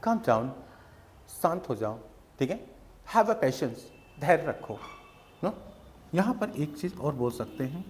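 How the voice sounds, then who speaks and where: A man with a Hindi accent teaching spoken English, explaining slowly and repeating each phrase in Hindi and English. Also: a little high, sing-song, slight background noise. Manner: slow and patient, repeating phrases, switching between Hindi and English.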